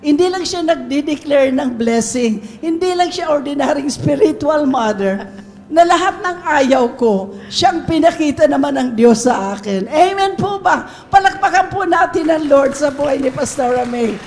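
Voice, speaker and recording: A woman giving a lively, laughing testimony in a church service, mixing English into her Tagalog. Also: sits high, moderate pace. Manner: animated storyteller, laughs often, mixes English into Tagalog. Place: church sanctuary. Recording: long reverb of a church hall.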